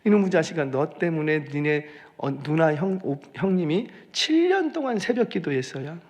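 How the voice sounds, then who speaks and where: A tearful older aunt speaks in thick Jeolla dialect, as a preacher puts her on, crying out in drawn-out, sobbing exclamations. Her voice rises and falls with feeling and sits a little high. It carries a long church-hall reverb. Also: very animated, a little mellow. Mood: tearful joy. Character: weeping older aunt, overjoyed.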